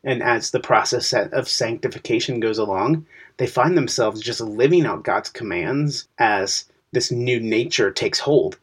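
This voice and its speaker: A man's voice: mid-range voice, unhurried, slightly rough. A man co-hosting a podcast, explaining a Bible passage in casual discussion and posing questions to the listener. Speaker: podcast co-host.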